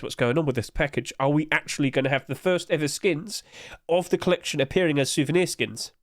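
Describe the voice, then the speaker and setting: His fairly high, slightly bright voice comes through clean with no room sound. A congested gaming market commentator, he casually discusses in-game item prices while sharing his screen, rambling with lots of fillers.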